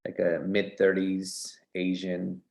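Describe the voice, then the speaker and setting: A man's voice: deep voice, monotone, slow pace, vocal fry, a little mellow. A man in his thirties, a real estate coach as a podcast guest, talking earnestly with many fillers. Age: 30s. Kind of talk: casual interview chat. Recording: roomy echo.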